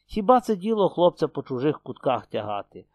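A man's voice: on the high side, sing-song, brisk, creaky, no echo, clean studio sound, exaggerated voice. A man voicing a stern young husband who speaks curt and cold.

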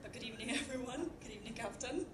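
Quick-talking Serbian-accented woman on stage. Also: fairly high pitch. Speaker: destination services manager. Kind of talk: short speech to an audience. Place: theatre stage on a cruise ship. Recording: echoey theatre, noisy phone recording from audience.

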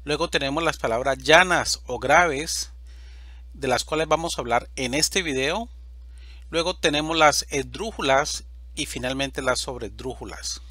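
A man gives a slide-based grammar lesson in a bright, forward voice, recorded close and dry with no room sound. He speaks slowly and deliberately, and each example word comes out louder than the rest. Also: medium pitch, dry recording. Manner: slow, deliberate, stresses example words loudly. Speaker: Spanish teacher.

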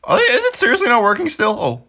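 A woman's voice: on the high side, huge pitch swings, fast, pushed and bright, heavily acted. A woman voicing a jumpy, chatty cartoon devil boy in a Minecraft let's play role-play, easily startled. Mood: panicky.

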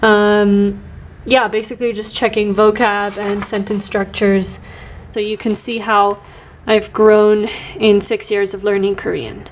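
A woman in her twenties, a language-learning vlogger, casually shows off her study notebooks with self-deprecating remarks and the occasional laugh. Her mid-range voice stays level and unhurried, with a faint hiss or hum in the recording.

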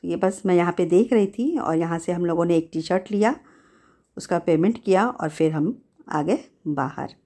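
A middle-aged woman gives a relaxed, chatty voice-over for her family's outing, linking each step with easy storytelling. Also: fairly low pitch, normal speed. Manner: chatty, easygoing storytelling with many "to" linkers. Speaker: family vlogger.

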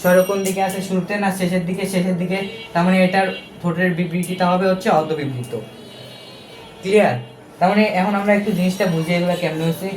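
A young man with a Bangladeshi accent teaches an exam-prep lesson step by step, his high voice steady and fast in a roomy space with soft background music. He poses rhetorical questions and talks colloquially, with fillers and self-corrections along the way.

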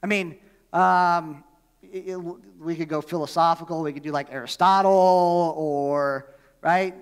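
A man's voice: fairly high pitch, steady tone, measured pace, smooth, long reverb tail. A male pastor preaching a sermon in a conversational way, often asking his congregation questions. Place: church.

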